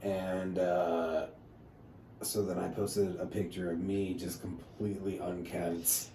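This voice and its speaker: A man's voice: sits low, takes it slowly. A man, a comedian, telling stories in casual podcast chat, cursing often and acting out what people said. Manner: swearing storyteller, animated quoted voices. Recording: roomy, distant mic, faint hiss.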